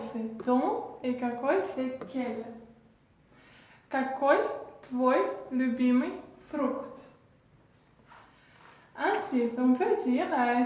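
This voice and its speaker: A woman teaching a language lesson, patiently repeating each word slowly. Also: high-pitched, a little mellow. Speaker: Russian teacher. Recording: echoey room, distant mic.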